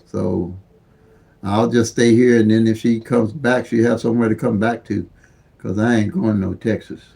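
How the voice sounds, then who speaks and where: A man's voice: fairly low pitch, fairly even intonation, moderate pace, gravelly, warm tone, husky. A man in his seventies, from St. Louis, hosting a casual lottery livestream in a rambling, plain-spoken way that keeps repeating and restarting words. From St. Louis, USA. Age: 70s.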